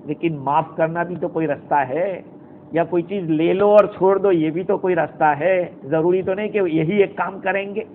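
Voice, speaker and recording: A man recites Arabic verses and then unpacks them in a storytelling lecture. His voice sits high, and the recording is thin and phone-like with a faint hiss. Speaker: Islamic scholar giving Quran commentary. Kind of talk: Quran exegesis lecture.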